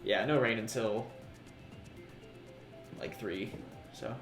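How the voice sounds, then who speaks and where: A man's voice: on the low side, takes it slowly. Guy streaming a kart game, talks chatty and loose, echoey room, game music going. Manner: chatty, swears, laughs easily. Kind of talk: casual gaming stream chat. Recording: roomy sound with game music.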